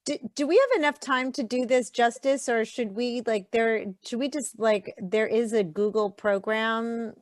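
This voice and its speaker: A woman informally moderating an online meeting, speaking in halting, hesitant phrases. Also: a little high, no room sound, studio quality. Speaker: meetup host. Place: virtual meeting.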